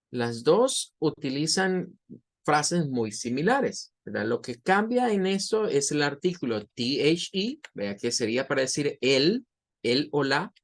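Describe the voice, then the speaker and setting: A man teaching English pronunciation, saying each example word over and over slowly. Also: fairly high pitch. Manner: patient, repeats words slowly for drilling. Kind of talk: online language lesson.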